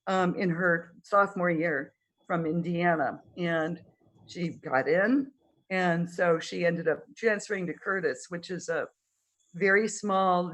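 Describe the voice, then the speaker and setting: A middle-aged woman talking casually as a guest in an interview, halting with many fillers, her throat dry from talking. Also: fairly low pitch. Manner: halting, many fillers and restarts, occasional coughs. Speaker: guest conductor. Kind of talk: casual interview over video call.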